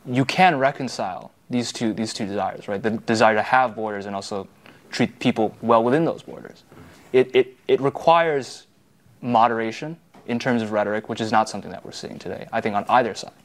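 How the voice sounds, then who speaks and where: A young man, a student panelist, making measured points in a panel discussion. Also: fairly low pitch.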